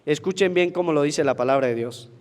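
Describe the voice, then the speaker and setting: A priest preaches at Mass in a high, carrying voice. He keeps asking the congregation questions and answering them himself. The long reverb of the church rings behind him. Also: brisk. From Venezuela. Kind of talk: sermon at Mass.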